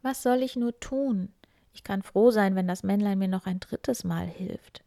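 A woman voicing a young miller's daughter, talking in a high, tearful, pleading way. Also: measured pace, gravelly, warm tone, no room sound. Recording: dry close recording.

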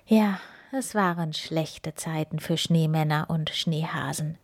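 Brief: woman storyteller in a whispered role-play, slow and breathy, gentle with children. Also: sits low. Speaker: storyteller reading a picture book.

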